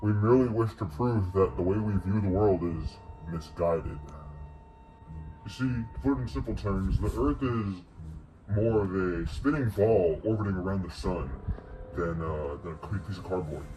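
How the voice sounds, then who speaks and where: A man's voice: low-pitched, moderate pace, far from the mic, over music, low-quality recording. A man playing a smug masked cult leader, speaking through a voice changer in a mock documentary interview, hesitant and condescending. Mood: patronizing.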